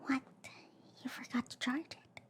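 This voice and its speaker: An ASMR performer whispers softly and a little slowly, close to the microphone, playing a reassuring but slightly inept alien girl surgeon. Her voice is breathy, hesitant and mostly whispered.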